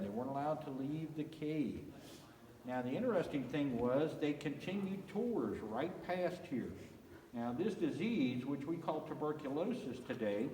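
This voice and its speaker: A man's voice: medium pitch, slight background noise. Man guiding a tour with cave echo. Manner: relaxed storytelling with filler "uh"s. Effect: echoing cave acoustics. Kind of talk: guided tour talk. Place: large underground cave. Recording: roomy cave echo, voice from far off.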